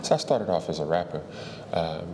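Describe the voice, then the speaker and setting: Deep-voiced man in a reverberant room. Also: moderate pace. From Washington, D.C. area, USA. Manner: relaxed, thinking aloud with fillers. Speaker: guest hip-hop artist. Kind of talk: casual interview answers. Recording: long reverb, faint noise.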